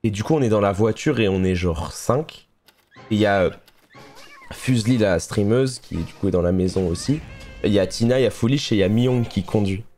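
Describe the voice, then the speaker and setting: A man's voice: mid-range voice, darkish tone. A young man from France chatting casually on a live stream while playing a game, telling stories and laughing often.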